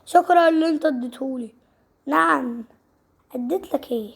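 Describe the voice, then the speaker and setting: A high-pitched woman with an Egyptian Arabic accent and a gravelly, creaky edge runs a casual game-movie channel. She voices every part herself, lively and full of repeated lines. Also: fairly quick. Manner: lively, repeats phrases over and over. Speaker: channel host voicing game characters. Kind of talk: casual game-movie role-play narration.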